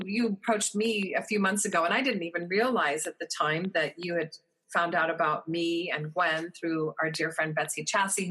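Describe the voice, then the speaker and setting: A woman's voice: lowish voice, sharp tone, husky, low-quality recording. A woman hosting a talk radio show, chatting effusively with her guest and using filler words.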